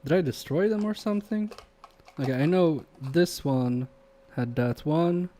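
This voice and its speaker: The voice is a little high, mellow and unhurried, with some hiss or hum on the recording. It belongs to a young Polish-speaking man repairing electronics live on stream, reading comments aloud, chatting casually and muttering to himself mid-task.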